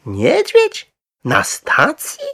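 A man voicing a startled middle-aged housewife, exclaiming in a high, shrill, astonished voice. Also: expressive, unhurried, creaky, a little mellow, husky, dry recording, studio quality, full character voice. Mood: incredulous.

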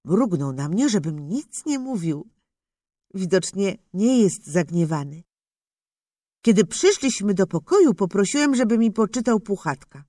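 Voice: mid-range voice, very animated, measured pace, dark tone, no room sound, studio quality. A narrator reading a children's story in the first person as a young boy, telling it expressively. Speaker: audiobook narrator.

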